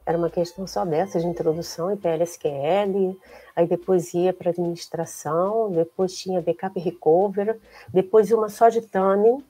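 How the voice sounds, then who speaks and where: Woman, low husky mellow voice, relaxed interview guest. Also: normal speed, low-quality recording. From Brazil. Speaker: guest database administrator. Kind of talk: casual interview chat.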